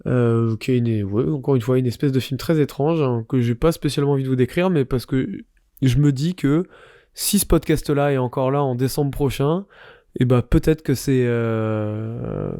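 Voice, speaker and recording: A man's voice: mid-range voice, normal speed, warm tone, no echo, studio quality. A man co-hosting a podcast, casually recommending films in a rambling, hesitant way with many fillers. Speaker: podcast co-host.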